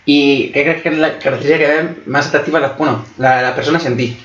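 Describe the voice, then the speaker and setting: A man's voice: a little high, fairly even intonation, fairly bright tone. A young man in casual chat, teasing and asking questions. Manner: fast, teasing, asks questions. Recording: echoey room, dull lo-fi sound.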